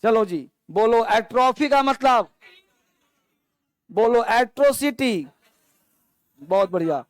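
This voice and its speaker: Male teacher, vocabulary drill; high, smooth voice, dry close sound. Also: lively intonation, no echo. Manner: repeats each word slowly, then gives its meaning; quizzes students, calling on them to stand. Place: classroom with an online stream.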